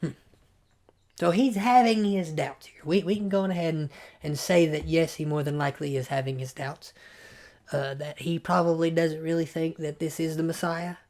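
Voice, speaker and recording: Gravelly bible study teacher, casual, keeps restarting words, thinks out loud. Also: medium pitch, fairly even intonation. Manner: halting, repeats words while thinking aloud.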